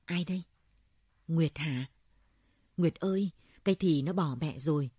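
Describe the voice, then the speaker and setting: Woman reading as a dazed old grandmother, rambling, dreamlike, low voice, husky, storybook. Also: a little slow, dark tone, no room sound, studio quality. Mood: dazed, tearful. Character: elderly grieving village woman, dazed, talks to spirits.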